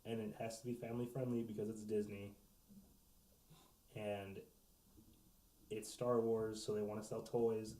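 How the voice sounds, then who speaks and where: A man's voice: fairly low pitch, little pitch movement, a little slow, pauses often, dark tone. A young man in casual podcast chat, teasing and crude, laughing often. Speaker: podcast co-host. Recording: echoey room, distant mic.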